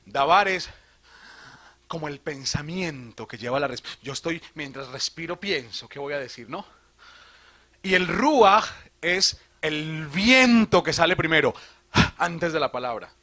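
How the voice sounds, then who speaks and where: A man from Colombia, a priest, giving an animated theology talk to a live audience, asking questions and joking. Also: on the high side, measured pace. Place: retreat hall.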